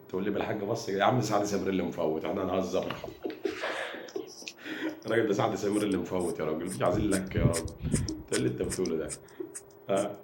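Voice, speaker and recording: Fast-talking taunting Egyptian football fan. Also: male voice, deep voice. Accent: Egyptian Arabic. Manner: taunting, mocking rival fans; rapid, repetitive, animated delivery. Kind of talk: fan rant to camera. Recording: echoey room with background noise.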